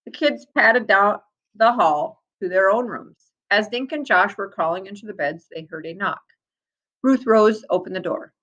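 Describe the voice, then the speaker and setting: With a medium-pitched voice, a woman reads from a storybook the way a teacher would, expressive and deliberate, pausing for asides to her young audience. The audio is dull.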